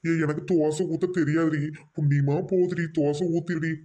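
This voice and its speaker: A man voicing a bossy, drunken cartoon husband who barks orders gruffly. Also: on the high side, steady tone, moderate pace, mellow, close to an everyday voice. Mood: pleading. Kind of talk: cartoon voice acting.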